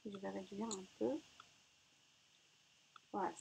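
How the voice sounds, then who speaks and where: Woman, teacher, slow and patient, encouraging, faint background noise. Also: medium pitch, fairly even intonation, gravelly, dark tone. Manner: patient, encouraging, spells out syllables. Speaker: primary school teacher. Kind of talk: slow, clear reading lesson for young children.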